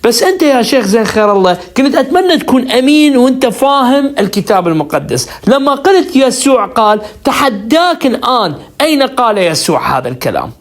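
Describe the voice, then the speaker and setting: A man's voice: very high-pitched, very animated, quick pace, few pauses. A man, a caller in a heated religious debate, insisting on a chance to answer and explain.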